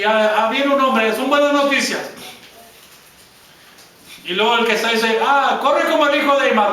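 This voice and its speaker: A male pastor preaches a sermon in a church hall, retelling a story with emphasis and often repeating or restarting words. His voice is high-pitched and sharp, and he's away from the mic in an echoey hall.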